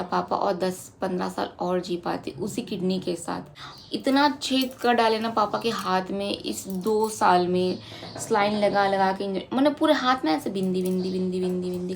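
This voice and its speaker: Gravelly woman telling a personal story. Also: medium pitch, slight background noise. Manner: emotional, conversational, recounting in detail. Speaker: vlogger.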